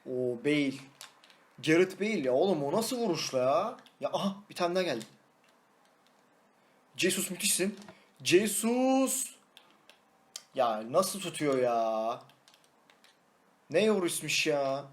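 A young man, a gaming YouTuber, giving excitable live commentary on his own match, shouting and singing at goals and teasing his opponent. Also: mid-range voice.

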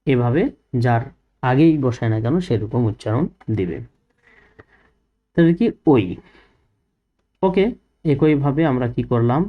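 Male teacher for small kids, unhurried and patient, lo-fi sound. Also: mid-range voice. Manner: patient, asks questions then answers them himself. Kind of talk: first-grade Bengali reading lesson.

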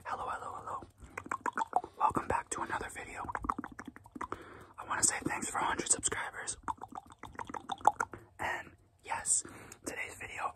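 An ASMR host of unclear sex doing fast and aggressive ASMR in a whisper, with short repeated words and phrases. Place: small dim indoor room.

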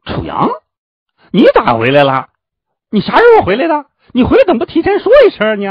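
A shrill, vain young chatterbox. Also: male voice, huge pitch swings, no echo, heavily acted. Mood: surprised. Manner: loud, rapid, boastful chatter. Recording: dull, dry lo-fi audio.

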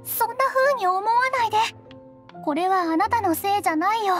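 A woman voicing a timid, kind young female alchemist in an anime game, gentle and apologetic. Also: extremely high pitch, lively intonation, a little fast. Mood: concerned. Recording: music under the voice.

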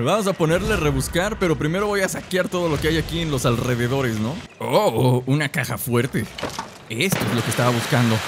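Mexican male let's-player, lively pitch, tired throat, noisy game audio underneath. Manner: chatty, talks to his companion and the audience, bursts into excited shouts. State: tired throat, lozenge in mouth. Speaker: gameplay commentator. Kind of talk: casual let's-play commentary.

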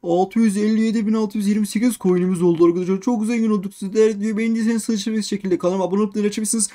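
A man giving excited let's-play commentary on a game, repeating phrases in quick bursts and constantly addressing his viewers. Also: sits high. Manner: excitable, keeps calling viewers "abicim" and "arkadaşlar". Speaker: gaming YouTuber.

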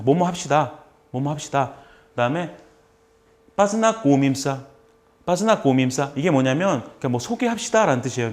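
Patient male teacher drilling phrases. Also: medium pitch. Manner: patient, repeats phrases slowly for students to copy. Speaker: language instructor. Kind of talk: classroom lesson.

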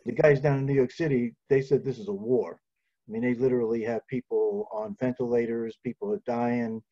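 Guy in his sixties on a video call, mellow voice, kinda muffled audio, rambles and repeats himself. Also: medium pitch, steady tone, brisk. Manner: warm, rambling, repeats words. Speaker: ministry leader. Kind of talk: casual encouraging remarks. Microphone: video call with earbuds.

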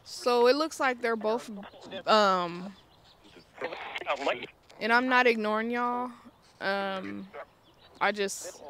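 In a noisy cemetery setting, a paranormal vlogger casually talks to her viewers, rambling and speaking to herself. Her slightly high voice moves slowly, broken by long pauses.

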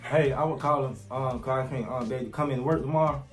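A man's voice: medium pitch, steady tone, fast talker, faint music behind. A young man joking around in casual prank-call chat, slangy, playful and teasing. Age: young adult. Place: small plain room indoors.

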